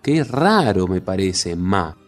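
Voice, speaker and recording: A man's voice: low-pitched, sing-song, slow pace, soft background music, voice pushed down, full character voice. Man voicing a fretful, anxious woman. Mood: puzzled, musing. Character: anxious adult woman, worried about her family.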